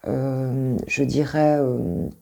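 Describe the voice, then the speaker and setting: A woman's voice: a bass voice, steady tone, extremely slow, creaky, warm tone. A French woman coaching intuitively, talking casually through a tarot reading with many hesitations and repeated points.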